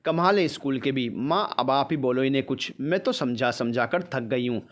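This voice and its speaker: A man's voice: medium pitch, normal speed, lo-fi sound, natural voice. A man voicing a young wife who scolds and teases her husband. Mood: scolding. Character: young wife, sharp-tongued and teasing.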